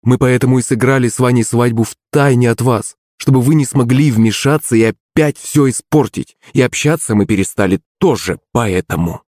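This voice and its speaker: A man voicing a defiant, emotional mother in an audiobook, raising his voice higher in indignant outbursts. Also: normal speed, hardly any pauses, darkish tone, no room sound, studio quality, close to an everyday voice. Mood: reproachful. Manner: indignant, exclaiming.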